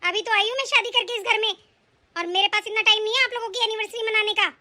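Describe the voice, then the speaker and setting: A woman voicing a greedy, scheming young daughter-in-law from a rich family in an animated story. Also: very high voice, quick pace, exaggerated voice. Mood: rude. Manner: smug, scheming, later pleading.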